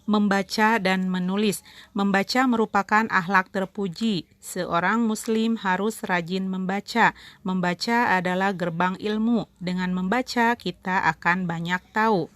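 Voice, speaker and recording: A woman with an Indonesian accent narrates a scripted lesson for schoolchildren as their teacher, enunciating carefully in short, measured phrases. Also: medium pitch, fairly even intonation, a bit bright, no room sound.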